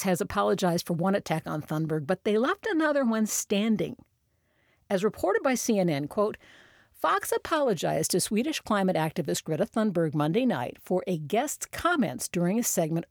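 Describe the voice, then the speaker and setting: A woman delivers opinionated political commentary with biting sarcasm. Her pitch rises and falls a lot. The recording is dry and close. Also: a little mellow, dry recording. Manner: sarcastic and scornful.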